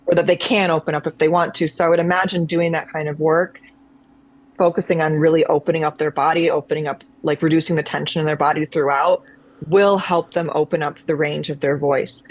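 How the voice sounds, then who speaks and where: Speaking a little fast in a low, steady voice, a woman trained as an actress at a conservatory muses her way through a reflective chat as a video-call guest, with many restarts. The audio quality is poor.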